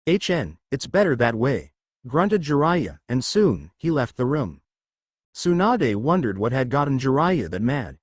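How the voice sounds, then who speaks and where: A man narrating a fan-fiction story in a steady storytelling read. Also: medium pitch, no echo, studio quality.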